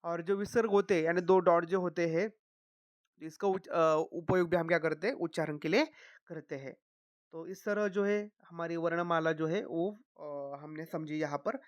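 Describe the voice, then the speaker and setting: A teacher giving a patient spoken lesson, saying each sound slowly and often checking in with the listener. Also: medium pitch, fairly even intonation, no room sound. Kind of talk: explanatory lesson.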